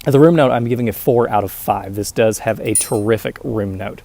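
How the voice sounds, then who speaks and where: A man talking casually to viewers as a reviewer, explaining methodically with hesitant pauses. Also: on the low side, gravelly, dark tone. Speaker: pipe tobacco reviewer.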